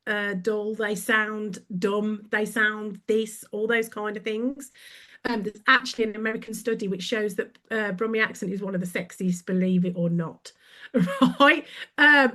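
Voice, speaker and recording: A woman's voice: on the high side, fairly bright tone. A woman with a Birmingham accent, a podcast guest who tells stories with animation and laughs easily. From England. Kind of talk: podcast conversation.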